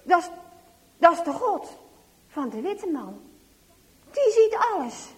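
A woman's voice: extremely high pitch, steady tone, extremely slow, warm tone, long reverb tail, pitched above the performer's own voice, full character voice. A woman voicing a frightened young village girl who pleads and prays in a trembling, tearful voice. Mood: pleading, tearful.

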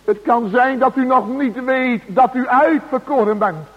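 A man preaching a sermon to his congregation, slow and solemn, with emphatic cries. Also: very high voice, slightly rough. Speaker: pastor. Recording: dull radio broadcast in a large hall.

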